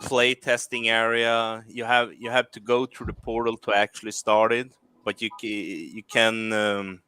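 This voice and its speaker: A man with a Swedish accent hosting a game jam livestream in a relaxed, easygoing way, with plenty of "uh" and "um". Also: lowish voice, clean tone, no room sound, faint music behind. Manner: easygoing, fills pauses with "uh" and "um". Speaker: game jam organizer and host. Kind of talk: casual livestream talk.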